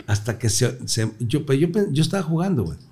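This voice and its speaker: Profane Mexican comedian telling stories. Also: male voice, medium pitch, sing-song, fast, dark tone, breathy edge. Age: middle-aged. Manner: profane, joking, laughs through his own stories. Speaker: comedian guest. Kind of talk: casual storytelling interview.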